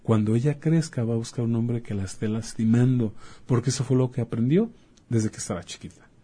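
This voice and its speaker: A man with a warm, mellow and slightly husky voice, talking like a doctor on a chat show. He explains by acting out short dialogues and firing off rhetorical questions. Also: medium pitch, fairly quick. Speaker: doctor guest. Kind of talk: casual talk-show chat.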